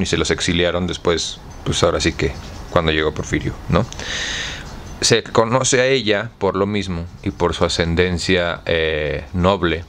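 A man's voice: low-pitched, fairly bright tone, slight background noise. A man with a Mexican accent, casually commenting on a book with lots of slang and an irreverent tone. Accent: Mexican Spanish. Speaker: book club host.

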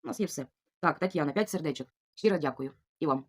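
A woman's voice: sits low, animated, fast, slightly rough. A middle-aged woman from Ukraine chatting casually in a vlog, reading out viewer comments and thanking each one again and again. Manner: warm, chatty, repeats thanks over and over. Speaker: vlogger answering viewer comments. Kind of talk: casual chat.

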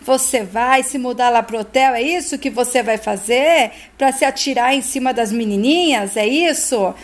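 A woman voicing an unhinged, jealous wife in a retold soap opera scene, in shouted, pleading outbursts. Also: fairly high pitch, normal speed, close to an everyday voice. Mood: frantic.

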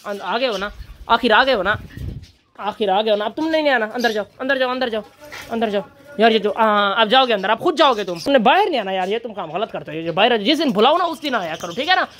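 Fast-talking man feeding birds. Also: high voice, a bit bright, slight background noise. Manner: chatty, calls and coaxes animals while feeding. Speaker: vlogger and bird keeper. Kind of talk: casual farm vlog narration.

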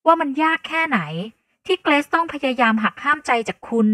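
A woman's voice: fairly high pitch, moderate pace, no echo, far from the mic. A woman playing a torn married woman, pleading. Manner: pleading, soft, refers to herself by name. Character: married woman torn between husband and lover.

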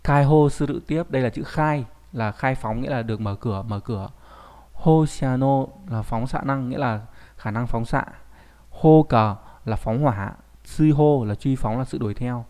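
A male teacher walks through kanji in an online lesson. He explains patiently in an ordinary middle pitch. He keeps checking in with the learner through tag questions. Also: moderate pace, dark tone. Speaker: Japanese language teacher.

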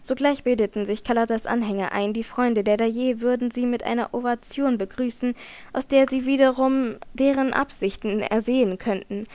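Higher-voiced woman narrating an audiobook. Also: fairly even intonation, a little mellow, dry recording. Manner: measured storytelling. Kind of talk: scripted narration.

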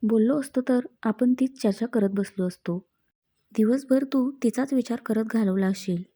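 A woman reading the lines of a calm, self-assured young husband in a storybook, steady and reassuring. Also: on the high side, normal speed, close to an everyday voice.

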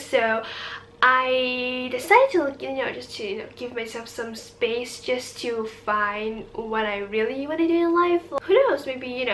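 Talking to camera in a casual, slightly hesitant way, an eighteen-year-old Hong Kong vlogger whose native language is Cantonese chats about nothing in particular. She has a high, somewhat bright voice, and there's a little hiss or hum on the audio.

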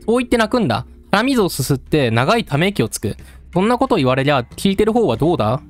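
Male streamer doing a coarse, menacing storyteller, fast and lively. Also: on the high side, faint music behind. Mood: taunting. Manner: gruff, coarse street speech, addressing the listener directly. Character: rough-talking male storyteller, menacing and taunting. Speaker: game let's-play narrator.

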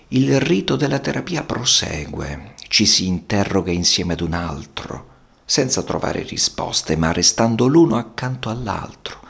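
Slow, gravelly-voiced man speaking reflectively. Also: deep voice. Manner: measured, contemplative, poetic phrasing. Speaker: psychotherapist.

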